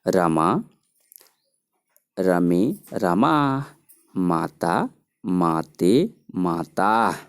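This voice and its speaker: Slow, low-voiced man teaching grammar. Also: very animated, clear, resonant tone. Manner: slow drilling recitation of word forms. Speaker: Sanskrit teacher. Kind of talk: classroom grammar lesson.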